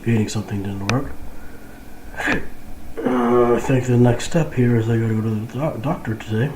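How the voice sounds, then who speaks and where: A man's voice: medium pitch, fairly even intonation, dark tone, roomy sound, a little hiss or hum, rough recording. A man with a head cold and the hiccups, talking through a casual video diary at home, amused and chatty. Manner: slow, amused, chatty with restarts. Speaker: vlogger.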